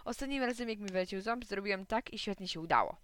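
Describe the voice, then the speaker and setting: A woman's voice: mid-range voice, fast talker, a bit bright, smooth, lightly acted. Woman doing a know-it-all schoolboy. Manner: explaining confidently.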